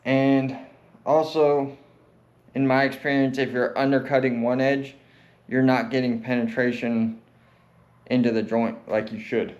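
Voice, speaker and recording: Male DIY truck vlogger, plain-spoken and easygoing, average pitch, off-the-cuff delivery. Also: flat delivery, a little slow, long pauses, darkish tone, muffled recording. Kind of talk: casual, unscripted vlog talk.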